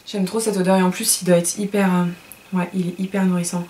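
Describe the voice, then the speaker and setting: A woman's voice: lowish voice, little pitch movement, brisk, warm tone, a little hiss or hum. A woman beauty vlogger chatting casually while unboxing products, gushing and chatty with many fillers and self-corrections.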